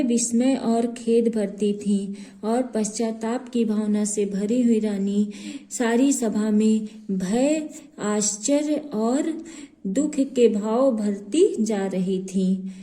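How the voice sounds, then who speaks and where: A woman teaching a poem, reading each verse and then slowly explaining and repeating its meaning. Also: medium pitch, mellow. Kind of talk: explaining a Hindi poem line by line.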